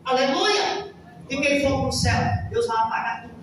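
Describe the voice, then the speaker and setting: A woman's voice: sits high, lively intonation, normal speed. Fervent woman pastor in an echoey church. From Brazil. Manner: fervent, calls out to the congregation. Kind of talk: pentecostal sermon. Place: church hall. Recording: echoey church hall, mic far off, noisy.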